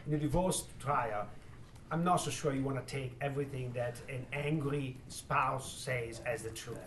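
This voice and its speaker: A man with a strong foreign accent, a professor speaking haltingly as he searches for words in a discussion. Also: mid-range voice, a bit bright. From immigrant, from abroad. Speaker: university professor, event host. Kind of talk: panel discussion, answering audience questions. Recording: echoey room, distant mic, faint noise.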